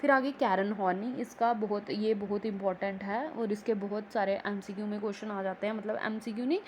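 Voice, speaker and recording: Woman lecturer, mid pitch, Hindi-English mix, slight noise. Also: fairly even intonation, a little fast, darkish tone, rough recording. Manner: mixes Hindi and English, rhetorical questions. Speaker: psychology teacher. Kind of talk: exam-prep lecture.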